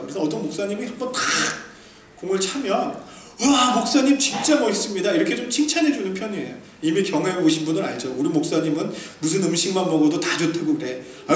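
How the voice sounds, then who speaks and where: A high-voiced man from South Korea preaches a sermon with a very lively, swooping delivery. He builds to emphatic peaks, drops to quiet asides, and acts out quoted remarks with humor. The sound is very echoey and picked up from a distance, with faint noise behind him. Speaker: pastor. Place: church sanctuary.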